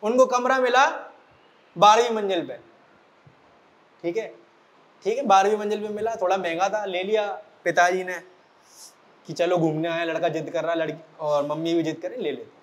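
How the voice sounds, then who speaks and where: A high-pitched male teacher telling a story in a lively way, speaking straight to his students. He is from central India and uses the tale to set homework. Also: moderate pace, long pauses. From Morena, central India. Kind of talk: storytelling lesson. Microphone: recording for an online class video.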